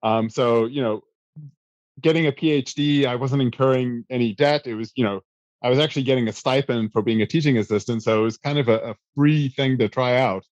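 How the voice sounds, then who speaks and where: Talking a little fast, a thirty-something South African guest tells stories from his own past in casual interview answers, poking fun at himself with an easy manner and plenty of fillers and minor restarts. His voice is an ordinary mid pitch. The close, dry recording sounds muffled.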